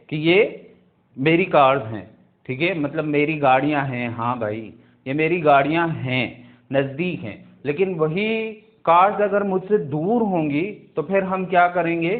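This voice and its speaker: A man teaching English grammar in a video lesson, drawing out words and checking in with his students again and again. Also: on the high side. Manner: drawing out words and repeating "theek hai" and "bhaiya" to check in with students. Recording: tinny phone-like sound.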